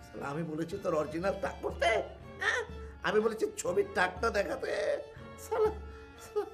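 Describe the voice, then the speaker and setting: A man's voice: high voice, huge pitch swings, moderate pace, faint music behind, heavily acted. An actor playing a blustering male office boss in a comic TV drama, cursing his staff and moaning that he is ill. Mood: scolding. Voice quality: loud, abusive, moaning.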